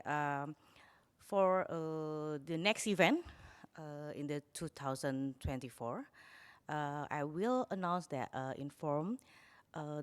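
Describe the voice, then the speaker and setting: Indonesian-accented woman, low pitch, smooth clear voice, halting delivery with fillers. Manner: halting, many filler sounds. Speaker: forum secretariat representative. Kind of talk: conference announcement.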